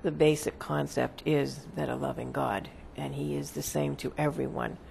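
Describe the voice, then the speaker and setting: A seance medium delivering a solemn spiritual message as a channeled spirit, in a creaky voice with halting, deliberate, formal phrasing. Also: mid-range voice, level tone, a little mellow, a little hiss or hum.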